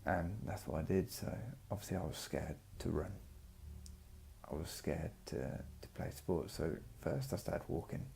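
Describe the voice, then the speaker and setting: A man giving a reflective, personal vlog monologue, speaking earnestly in short, halting phrases. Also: a bass voice, creaky, mellow, slight background noise. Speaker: vlogger. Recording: music behind the voice.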